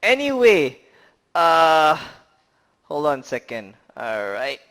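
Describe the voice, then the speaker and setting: A man's voice: a little high, huge pitch swings, slow pace, fairly bright tone. A man co-hosting a casual movie review chat, rambling with many fillers and laughing often. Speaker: podcast co-host.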